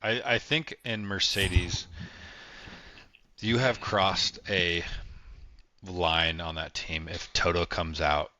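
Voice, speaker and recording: A man's voice: deep voice, steady tone, slow pace, pauses often, bright, forceful tone. A man co-hosting a casual sports podcast, giving blunt, emphatic opinions. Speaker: podcast co-host. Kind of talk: casual chat.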